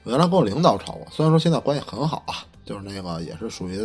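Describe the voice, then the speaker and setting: A man's voice: on the low side, very animated, very fast, breathy edge, soft background music. A man co-hosting a casual podcast chat, telling stories in a heated, profane way and stumbling over restarts. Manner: stammering restarts. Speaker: podcast co-host.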